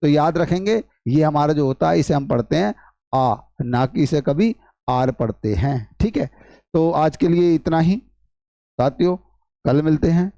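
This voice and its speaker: A man with a Hindi accent gives an English grammar lesson in a lively classroom manner and keeps putting questions to his students. His voice sits somewhat high but sounds mellow, and the recording is dry and close. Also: measured pace, gravelly, dry recording. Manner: explains step by step, quizzes the class with questions. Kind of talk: classroom lecture.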